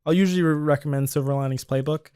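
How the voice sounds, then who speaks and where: A man's voice: on the high side, fairly even intonation, quick pace, a little mellow, smooth, no room sound, studio quality. A young man co-hosting a casual film podcast, laughing often and restarting his sentences. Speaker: podcast co-host.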